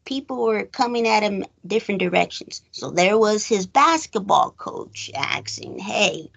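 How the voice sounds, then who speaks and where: A woman with a high-sitting voice and vocal fry hosts a film recap show, leading a casual film discussion. She rambles conversationally, thinking aloud as she goes.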